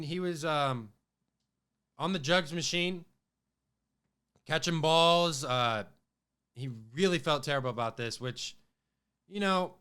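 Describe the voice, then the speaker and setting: Suffering a cold that puts his voice slightly off, a podcast host talks sports casually, restarting sentences and filling gaps. He sounds a little high, pushed and bright, with a clean tone.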